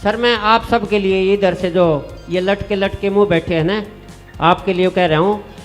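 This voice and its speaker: A high-pitched man with a Haryanvi accent recites comic verse in a folksy, chatty way. His voice rings with the long reverb of a live stage, and faint music sits beneath it. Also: fairly even intonation, measured pace. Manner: folksy, chatty with the audience, rhyming punchlines. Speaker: comic poet. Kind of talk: stage comedy poetry recitation.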